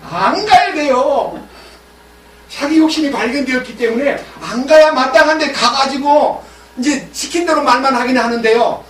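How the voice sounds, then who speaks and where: A male pastor preaches with a high, animated delivery, pressing his listeners with questions. He sounds far from the mic in a reverberant church. Faint ambience sits beneath. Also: normal speed, slight background noise. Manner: animated, acts out biblical dialogue, asks the congregation questions. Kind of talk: sermon. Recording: echoey church room from far off.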